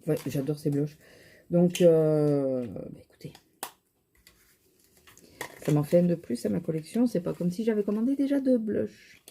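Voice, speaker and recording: A tired-sounding woman with a regional French accent chats to camera about her shopping haul and makeup, rambling with many fillers and restarting sentences. Her voice is a little low, mellow, soft, and creaky, at normal speed. There's a little hiss or hum in the recording.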